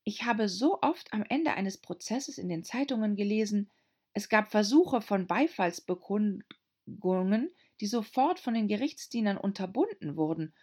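A woman's voice: medium pitch, animated, a little slow, a little mellow, husky, voice pushed up. A woman voicing a curious young girl who muses to herself, in an audiobook reading. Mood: wondering. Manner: wondering, musing to herself. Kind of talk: audiobook character voice.

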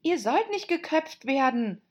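A woman's voice: sits high, sing-song, unhurried, voice pushed up. A woman voicing a plucky, outspoken young girl in an audiobook, speaking firmly and frankly. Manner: firm and frank.

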